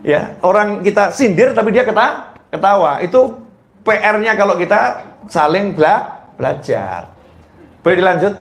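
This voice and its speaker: A man preaching with a playful, teasing style, firing questions at the mothers in his audience. His voice sits slightly high and carries the echo of a large room. He breaks into squealing impressions of doting mothers. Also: big pitch swings, unhurried. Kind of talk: sermon. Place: hall with a live audience.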